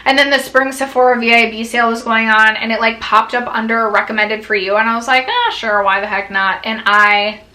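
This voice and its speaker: A woman's voice: a little high, flat delivery, a little fast, bright, forceful tone. A young woman vlogger chatting casually through a product review, gushing, with lots of "like" fillers. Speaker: beauty vlogger.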